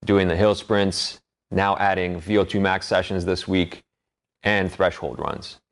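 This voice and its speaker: A man talking through his training in an explanatory vlog monologue. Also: low-pitched. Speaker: vlogger documenting 10k race training.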